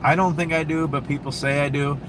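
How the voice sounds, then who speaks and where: A man with a Minnesota accent hosts a casual livestream from a truck stop, where traffic and air conditioning hum in the background. His voice sits a little high and steady, and he talks fairly quickly. He answers viewer questions in a rambling, easygoing way, full of ums and restarts.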